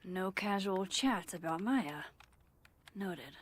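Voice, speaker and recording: An actress playing a curious young woman who investigates, direct and probing, with a breathy voice. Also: mid-range voice, lively intonation, takes it slowly.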